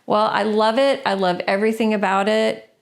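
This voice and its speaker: A woman's voice: medium pitch, fairly even intonation, moderate pace. An American woman chatting casually as she interviews someone on a home tour. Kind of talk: casual chat.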